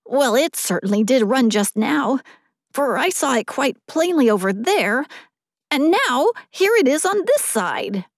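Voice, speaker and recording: Woman reader doing a newborn snowman: high, lively, wide-eyed and curious. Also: unhurried, no room sound, clean studio sound, full character voice. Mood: puzzled. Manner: wondering, eager questions. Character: naive newly made male snowman, curious.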